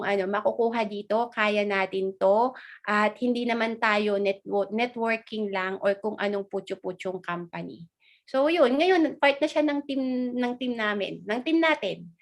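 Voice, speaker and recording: A woman with a fairly high voice talks casually on a video call. She is chatty and animated, and she drops in quick asides as she goes. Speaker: guest speaker. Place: abroad, in Australia.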